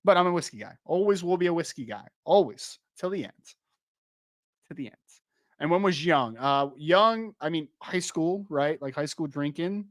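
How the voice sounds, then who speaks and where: A young man hosts a casual live-stream podcast, reading from the chat and rambling, laughing easily and restarting often with lots of "like." His voice is a little high and expressive at a normal speed, slightly worn as if he's losing it a bit. The recording is studio quality with no room sound.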